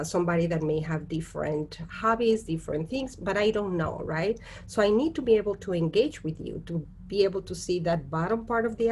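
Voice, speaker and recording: A woman's voice: fairly low pitch, a little mellow, a little hiss or hum. A woman from Costa Rica, speaking as a guest on a virtual panel, explaining earnestly and often checking in with "right?" over a video call. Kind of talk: conversational virtual panel talk.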